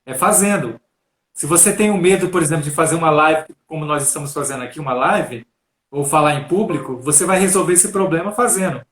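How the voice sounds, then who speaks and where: A man's voice: a little high, a little fast. Echoey Brazilian man giving coaching tips. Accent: Brazilian Portuguese. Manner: calm, instructive, repeats "né?". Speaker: coach and speaker. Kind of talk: live stream talk, answering questions.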